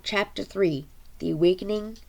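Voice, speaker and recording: A woman reading her own story aloud in a halting, casual way with frequent restarts. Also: medium pitch, gravelly, dark tone.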